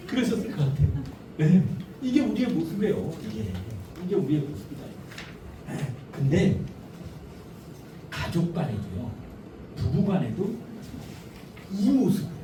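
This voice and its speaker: A middle-aged man giving a lively lecture on family life, joking with the audience and asking them questions. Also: high-pitched. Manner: animated, jokey, asks audience questions. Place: lecture hall. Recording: echoey hall, distant mic, faint noise.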